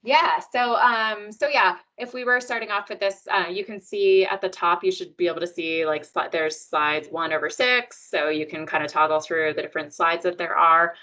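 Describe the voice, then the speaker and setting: Over dull, muffled video call audio, a woman leads a meeting in a chatty, upbeat manner full of fillers. Her voice is lowish, bright, and forceful, moving at normal speed with hardly any pauses in this casual conversation.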